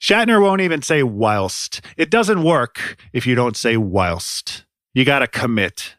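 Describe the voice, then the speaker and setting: A man's voice: medium pitch, sing-song, measured pace, a bit bright. A man hosting a music podcast, reading scripted commentary with dry, wry, sardonic asides into a close studio mic. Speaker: podcast host.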